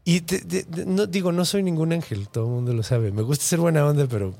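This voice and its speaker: A man with a Mexican accent hosting a podcast, retelling a story in a loose, animated, slang-heavy casual chat. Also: a little high, fast talker, creaky. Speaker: podcast host.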